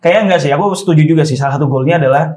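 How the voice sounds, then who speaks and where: A joking, chatty man hosts a relaxed talk show. His voice sits a little high, and his carries a light tinge. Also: very fast. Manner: chatty and joking, plays in a band himself. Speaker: show host. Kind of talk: casual chat.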